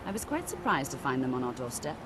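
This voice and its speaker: An actress playing a composed female mage who speaks in a formal, measured and dry way, heard as game audio. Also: rumbling low, very animated. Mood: wary. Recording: game audio with clear background noise.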